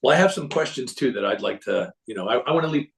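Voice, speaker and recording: A man giving a casual, rambling recap of a symposium to a group, often clearing his throat and restarting sentences. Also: mid-range voice, lively intonation, fast talker, low-quality recording. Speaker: presenter reporting on a symposium.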